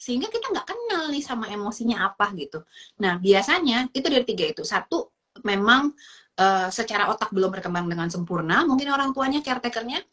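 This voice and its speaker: A woman's voice: on the high side, fairly quick. A woman explaining child emotions in a chatty, casual way, mixing in English words. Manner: lively, acts out little dialogues in shifting voices. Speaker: parenting educator.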